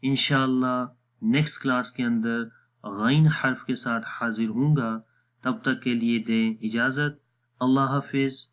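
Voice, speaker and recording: A man teaching a Quran recitation lesson, explaining pronunciation and drawing out each sound slowly to demonstrate it. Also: mid-range voice, steady tone, a bit bright. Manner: drawn-out demonstrative pronunciations of letters.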